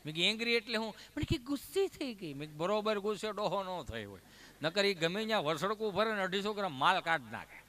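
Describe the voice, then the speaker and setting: Bright high-voiced Kathiawadi storyteller man. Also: fast. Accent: Kathiawadi Gujarati. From Amreli district, Gujarat. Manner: lively, voices the people in his tales. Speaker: folk comedian storyteller. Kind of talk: stage comic storytelling.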